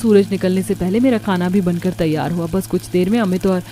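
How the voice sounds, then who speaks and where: Cartoon village bride, gentle and tired, played by a woman. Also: lowish voice, brisk, natural voice. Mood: weary. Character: hardworking young village daughter-in-law, gentle.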